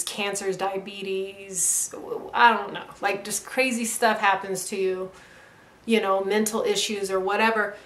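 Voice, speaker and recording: A young woman talks through a casual product review vlog. She sounds chatty and enthusiastic and leans on "like" as she goes, at a middling pitch. The room around her gives back a clear echo. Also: a bit bright. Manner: chatty, enthusiastic, fills speech with "like". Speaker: YouTuber. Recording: echoey room.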